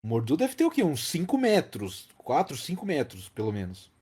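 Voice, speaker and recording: A Brazilian man, speaking as a podcast host, works through a film with casual emphasis and repeated key phrases. His soft, mellow voice is slightly rough and makes huge pitch swings at a moderate pace.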